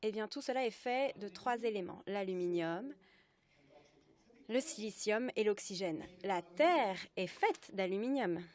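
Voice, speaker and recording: Woman interpreting a lecture live, halting phrasing. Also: medium pitch, animated, darkish tone. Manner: halting phrasing with mid-sentence self-corrections. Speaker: simultaneous interpreter.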